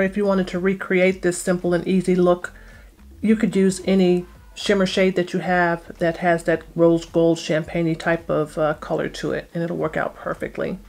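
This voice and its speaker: A middle-aged beauty vlogger with a lowish voice and darkish tone talks viewers through a makeup tutorial step by step, casual and explanatory.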